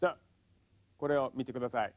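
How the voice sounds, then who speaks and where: A man narrating a scripted language lesson, sounding out words slowly and carefully. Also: mid-range voice. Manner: slow, careful pronunciation drills. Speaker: language teacher.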